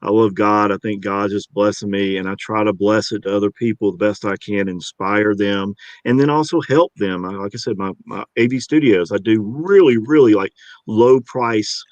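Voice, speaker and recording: With a lowish voice at normal speed and no room sound, a middle-aged actor chats as an interview guest. His talk is cheerful and meandering, with frequent restarts.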